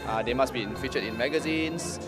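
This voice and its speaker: A man's voice: medium pitch, brisk. A laid-back man answering interview questions, hesitating with fillers. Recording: music playing behind.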